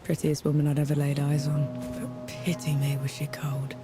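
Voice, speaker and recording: A woman's voice: low-pitched, monotone, normal speed, music in the background, lightly acted. A woman voicing a tough young woman soldier who talks in a blunt, plain-spoken and wry way. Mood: somber.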